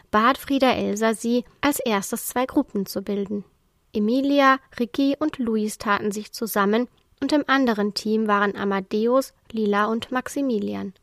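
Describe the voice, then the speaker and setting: A woman narrating a children's story in a calm storytelling manner. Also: on the high side, dry recording, studio quality.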